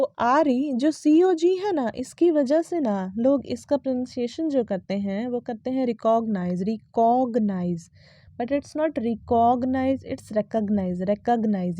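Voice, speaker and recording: A woman's voice: a little high, dark tone, no room sound. Woman teaching English pronunciation. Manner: explains patiently, spells words letter by letter, often asks "right?". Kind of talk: casual classroom explanation.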